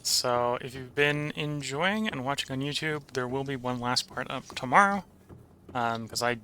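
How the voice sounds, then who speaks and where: A man giving casual gameplay commentary as he plays, thinking aloud in a halting way. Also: mid-range voice, bright, forceful tone, a little hiss or hum. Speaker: host of a blind video game playthrough.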